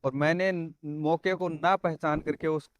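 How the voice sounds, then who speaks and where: A man's voice: on the high side, steady tone, unhurried, slight background noise. A young man from Rajasthan, talking earnestly in a casual vlog and often calling the viewer "brother". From Rajasthan, India. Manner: earnest, repeats phrases, says "bhai" often. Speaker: vlogger.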